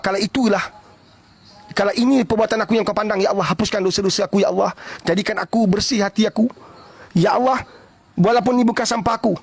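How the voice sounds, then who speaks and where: A man with a Malaysian Malay accent preaching in a casual, animated way, with blunt folksy asides and rhetorical questions he repeats again and again. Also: sits high, dry recording.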